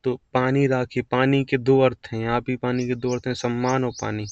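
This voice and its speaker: Flat-voiced man teaching a grammar lesson. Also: medium pitch, a little fast, clean tone, no echo, muffled recording. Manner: explains patiently, repeating key phrases. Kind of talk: exam-prep Hindi grammar lesson.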